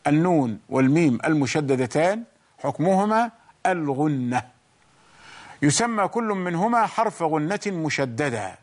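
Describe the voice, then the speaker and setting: Slow, high-voiced man teaching recitation. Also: expressive. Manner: slow, deliberate explanations, chanting the examples. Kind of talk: bilingual tajweed lesson.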